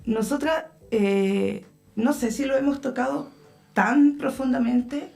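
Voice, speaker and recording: A woman with a Chilean accent, an actress, answering as a guest in a radio studio interview and pausing often to search for words. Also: high voice, gravelly, warm tone, soft background music.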